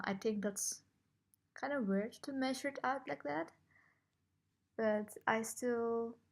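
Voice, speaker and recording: A young woman from the Netherlands answering viewer questions in a casual vlog, talking in a hesitant, self-conscious way. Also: mid-range voice. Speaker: vlogger. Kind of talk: casual Q&A to camera.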